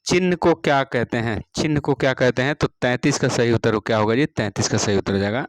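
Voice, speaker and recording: A man at a middle pitch takes students through practice exam questions on music. He says each question twice and settles every answer with a steady "all right". His voice sounds close and dry, with no room echo. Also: quick pace. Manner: repeats each question, fills with "theek hai ji". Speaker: music teacher.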